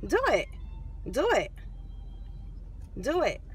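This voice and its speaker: A woman's voice: on the high side, sing-song, slow, faint music behind. A woman passenger arguing inside a car in an insistent, repetitive, indignant way. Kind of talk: heated argument. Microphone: handheld phone.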